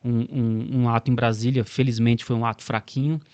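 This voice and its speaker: A man with a Brazilian Portuguese accent hosts a politics podcast, reflecting and building long arguments while often closing remarks with a questioning tag. His mid-range, darkish voice is delivered flatly and a little fast, in a dry recording.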